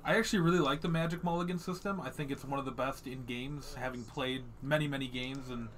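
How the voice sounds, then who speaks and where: A man's voice: medium pitch, steady tone, quick pace, fairly bright tone, a little hiss or hum. Dry-witted young male guest caster. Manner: dry jokes, analytical. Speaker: guest commentator. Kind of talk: live game commentary. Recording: crowd chatter behind.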